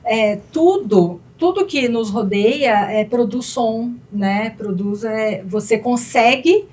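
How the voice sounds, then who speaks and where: A woman's voice: fairly high pitch, lively intonation, takes it slowly, darkish tone. A Brazilian woman with a Brazilian Portuguese accent, a pianist and piano teacher, chatting as a guest in an interview with frequent fillers. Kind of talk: casual interview chat.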